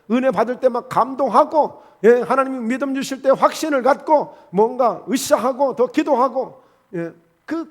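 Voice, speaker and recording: A South Korean pastor delivers a midweek sermon in a church sanctuary, speaking plainly to the congregation. He fires off rhetorical questions and swings quickly between loud, emphatic lines and quiet asides, all in an extremely high pitch.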